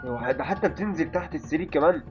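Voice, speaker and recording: A man's voice: a little high, expressive, rapid-fire. A man with an Egyptian accent commenting as he plays a game, muttering to himself and yelping when startled. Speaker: gaming channel host. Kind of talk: live let's-play commentary. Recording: muffled lo-fi recording with faint game music.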